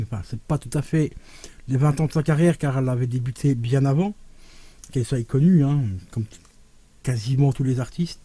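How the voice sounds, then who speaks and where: A man chatting casually and enthusiastically to his viewers as he shows off his vinyl collection, talking to them like friends. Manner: animated, with sudden rises and drops in pitch and loudness. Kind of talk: casual unboxing vlog.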